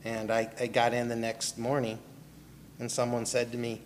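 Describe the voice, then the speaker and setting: A pastor from Milwaukee preaches a sermon built around his personal testimony, asking the listeners questions and calling on them by name. His medium-pitched voice is monotone and moves at a moderate pace. There is slight background noise and a long hall reverb.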